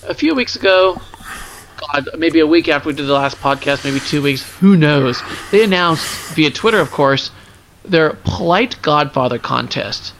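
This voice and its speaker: A man's voice: on the high side, normal speed, a bit bright, a little hiss or hum. A man co-hosting a podcast, chatting casually in a playful, joking way. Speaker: podcast co-host. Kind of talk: casual chat.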